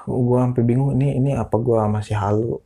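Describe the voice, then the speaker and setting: A man casually telling a ghost story, animated and acting out other people's lines. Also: medium pitch, brisk. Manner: animated, quotes people in voices. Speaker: guest storyteller.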